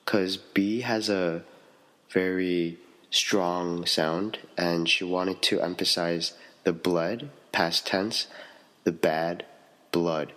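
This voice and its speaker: A man reading out a prepared poetry analysis as a student, in a measured, steady way. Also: sits low, poor audio.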